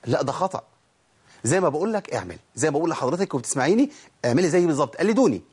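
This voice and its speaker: A man's voice: fairly high pitch, big pitch swings, racing, a little mellow, slightly rough. A man with an Egyptian accent teaching a tajweed lesson, asking questions and answering them himself while demonstrating letter sounds. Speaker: Quran recitation teacher.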